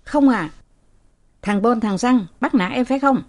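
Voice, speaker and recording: A woman reading a story, voicing an anxious old manservant who hushes the children. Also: a little high, unhurried, pitched above the performer's own voice, natural voice. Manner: urgent, nervous.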